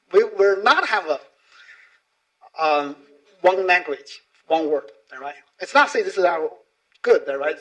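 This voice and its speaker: Heard on low-quality audio, a middle-aged Chinese man speaks non-native English with a noticeable accent, his voice high-pitched and fairly bright. He explains his topic informally at a conference, frequently tacking on brief tag questions to check his listeners are following.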